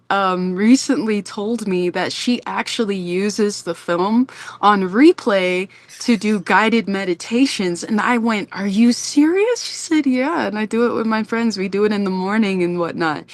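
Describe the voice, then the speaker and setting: Earnest, expressive woman filmmaker, dry sound. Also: medium pitch, no room sound. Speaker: filmmaker guest. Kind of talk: interview conversation.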